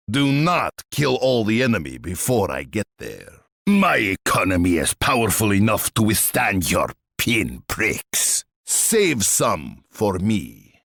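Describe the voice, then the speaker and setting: An actor playing a boastful, bloodthirsty Russian tsar in a strategy game, with a pompous, menacing, theatrical delivery and a rough, gravelly voice. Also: male voice, medium pitch, fairly bright tone, no room sound, clean studio sound, full character voice. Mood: confident.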